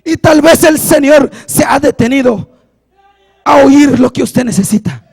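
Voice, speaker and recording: A young man preaching a passionate sermon, often shouting and drawing out his words for emphasis. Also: extremely high pitch. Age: young adult. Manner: impassioned, often shouting, slow drawn-out emphasis.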